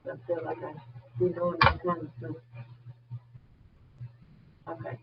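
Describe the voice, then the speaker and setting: A man's voice: a little high, completely flat delivery, takes it slowly, gravelly, heavy background noise. A man giving an online class lecture as a nursing instructor. He explains step by step and jokes lightly now and then. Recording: tinny phone-like audio.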